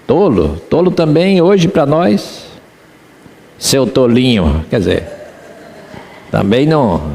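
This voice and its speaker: A pastor with a Rio de Janeiro accent preaches to his church in a conversational way, asking the congregation questions. His voice sits a little high, and his pitch swings widely as he makes his points. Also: huge pitch swings, slow, vocal fry, long pauses, warm tone, long reverb tail. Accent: Rio de Janeiro Portuguese. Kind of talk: sermon.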